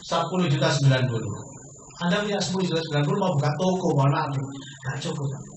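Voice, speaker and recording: A man giving a persuasive business sales pitch to a seminar audience, asking questions and answering them himself. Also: fast talker. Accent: Indonesian. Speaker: business presenter. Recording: echoey room from far off, faint noise.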